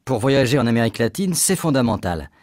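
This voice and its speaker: A man reading a scripted textbook dialogue as a hiring manager, clear and measured. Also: mid-range voice, big pitch swings, a little mellow, no room sound, clean studio sound.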